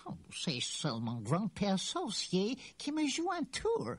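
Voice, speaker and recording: A woman's voice: medium pitch, huge pitch swings, takes it slowly, husky, no room sound, full character voice. A woman voicing a skeptical, stubborn young boy in a storybook audio drama, talking in a childlike way. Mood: scoffing.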